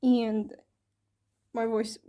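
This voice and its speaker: Speaking extremely slowly, a tarot reader offers her viewers a chatty, casual reading peppered with fillers and self-corrections. Her fairly high voice has a dark tone and barely moves in pitch, and it sounds a little strained from long talking.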